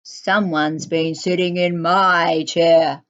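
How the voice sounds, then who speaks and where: A woman voicing a big father bear with a loud, gruff voice. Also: fairly even intonation, takes it slowly, lo-fi sound. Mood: indignant. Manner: loud, booming.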